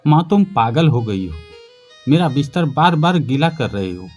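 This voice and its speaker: A man voicing an irritated young son who snaps and shouts at his mother in a narrated story. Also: medium pitch, very animated, normal speed, soft background music. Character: angry impatient young adult son.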